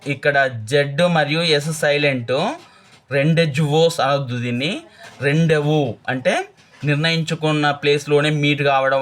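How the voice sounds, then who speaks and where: A man teaching exam English questions, reading each question slowly and then explaining it quickly. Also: a little high, fairly bright tone.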